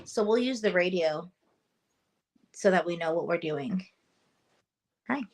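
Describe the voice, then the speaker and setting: A paranormal investigator appears as a guest in a casual interview, chatting loosely, laughing often and saying "like" a lot. Her voice is on the low side, with lively intonation and an unhurried pace.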